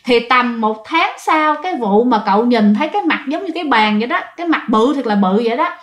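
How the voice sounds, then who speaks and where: A woman's voice: a little high, expressive, fast, reverberant. A woman with a Southern Vietnamese accent, telling ghost stories in a chatty way and speaking straight to her listeners. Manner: chatty, addresses listeners directly. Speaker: ghost story narrator. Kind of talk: casual spoken storytelling.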